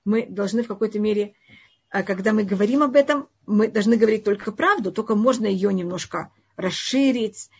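Her voice is husky and mid-range, and she talks fairly fast. A non-native Russian speaker with a foreign accent, she teaches a religious lesson live online, taking questions from her audience and hammering her points home by restating them. The stream quality is lo-fi and dull.

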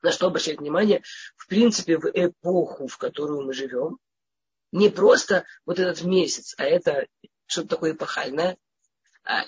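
A woman with a cold teaches an informal religious lesson, her deep voice slightly rough and the high frequencies cut off. She keeps stammering and starting over, speaking hesitantly.

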